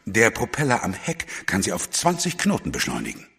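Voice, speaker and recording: An actor playing a confident, commanding submarine captain and inventor in an audio drama, with a husky voice and a grand manner. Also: male voice, on the low side, wildly swooping pitch, a little fast, a bit bright, exaggerated voice. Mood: proudly amused. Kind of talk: German audio drama acting.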